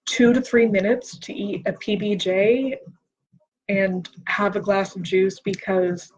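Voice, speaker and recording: A woman hosting a casual livestream, reading philosophy aloud and chatting in a slow, self-deprecating way, a little tipsy. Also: medium pitch, fairly even intonation, darkish tone. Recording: dull lo-fi stream audio.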